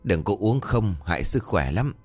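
A man's voice: lowish voice, sing-song, moderate pace, darkish tone, dry recording, soft background music. A man voicing a caring, scolding middle-aged village wife in a spoken story. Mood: fussing. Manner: fussing, nagging.

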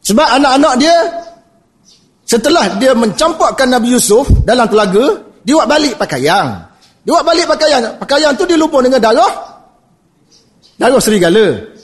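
A middle-aged man with a Malaysian Malay accent giving a lively, jokey religious lecture, often addressing his audience directly. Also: extremely high pitch, moderate pace.

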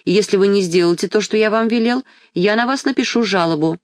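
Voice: mid-range voice, quick pace, no echo, close to an everyday voice. Bossy shady doctor guy, read out by the narrator, dry close sound, orders folks around. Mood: stern. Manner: curt, commanding. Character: crooked doctor, adult man, pushy.

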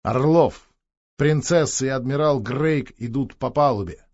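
A man narrating a historical novel for an audiobook in a measured, expressive reading, heard on a dull, dry lo-fi recording. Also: mid-range voice, no echo.

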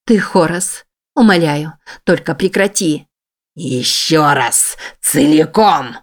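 A woman voicing a brutal, monstrous man, speaking slowly and menacingly and breaking into shouts. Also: sits low, steady tone.

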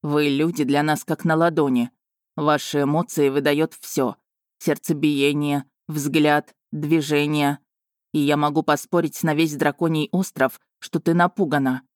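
A stern dragon-man with a low, even voice that gives short, flat commands, as a woman reader puts him on. He stays unflappable and blunt, and the sound is dry and close. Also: unhurried, dry recording. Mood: amused, probing. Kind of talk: audiobook character voice.

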